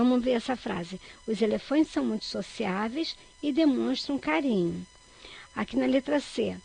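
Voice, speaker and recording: A woman from Brazil, a teacher, giving a recorded grammar lesson for children. She checks in often with her listeners and stretches out key words loudly to stress their syllables. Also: a little high, gravelly, husky, low-quality recording. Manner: checks in with frequent "tá bom?".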